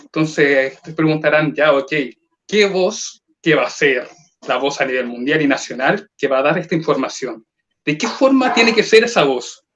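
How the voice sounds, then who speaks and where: Male voice coach, explanatory lecturing tone, somewhat high pitch, dull call audio. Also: animated, normal speed, a bit bright, a little hiss or hum. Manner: explanatory, lecturing with rhetorical questions. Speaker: voice trainer. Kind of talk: online seminar talk.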